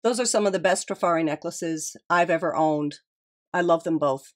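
A woman's voice: fairly low pitch, moderate pace. A middle-aged woman with a slightly stuffy, nasal voice, hosting a casual show-and-tell in a chatty, appreciative way and musing aloud.

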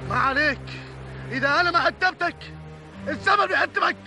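A proud, scolding older brother rebukes quickly and forcefully. His voice is very high and pressed. Music runs under the scene. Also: heavily acted. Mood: angry. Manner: scolding, indignant. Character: angry older brother Salem, stern and proud. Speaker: actor. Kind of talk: TV drama acting. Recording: drama audio with music underneath.

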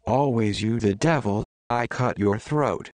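A man reading aloud and voicing a rough, menacing escaped convict with a slow, threatening growl. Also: mid-range voice, darkish tone, no room sound, lightly acted.

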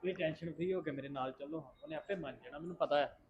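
A man's voice: on the high side, racing, background noise, close to an everyday voice. A man playing a protective young brother who insists and reassures, pleading to be trusted. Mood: reassuring. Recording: dull lo-fi sound with faint music.

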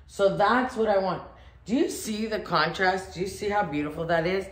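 A woman's voice: medium pitch, moderate pace. A woman showing how she decorates, chatting to viewers with enthusiastic questions as she works. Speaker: home decor vlogger. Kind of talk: casual decorating tutorial. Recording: echoey room.

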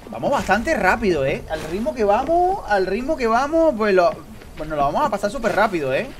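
A gaming streamer with a high, lively voice gives live gameplay commentary, speaking directly to his chat. He is excitable and repeats phrases in quick bursts, with faint noise under his desk mic.

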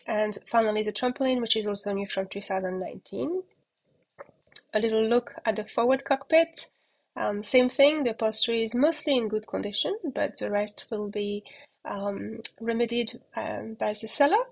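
A woman in a middle register talks through a yacht tour outdoors on deck. She speaks easily and conversationally into a phone she carries as she walks, often pausing with ums and uhs. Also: fairly high pitch, gravelly. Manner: relaxed, chatty, many fillers. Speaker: yacht broker giving a boat tour. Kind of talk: walking boat tour. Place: outdoors on a catamaran deck at anchor.

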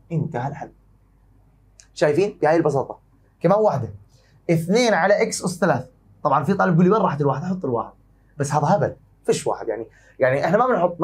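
A man with a Jordanian accent teaching an exam-prep math lesson, warmly calling his students dear and asking and answering his own questions. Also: fairly high pitch, breathy edge. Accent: Jordanian Arabic.

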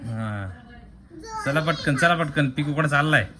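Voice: mid-range voice, normal speed. An adult family vlog host giving casual, cheerful play-by-play of a children's game and coaxing the players, often repeating short phrases. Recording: loud background noise.

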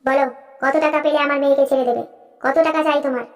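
Someone doing a scornful rich father, cartoon, high voice, fast, mocking. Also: fairly even intonation. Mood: bargaining. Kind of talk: cartoon voice acting.

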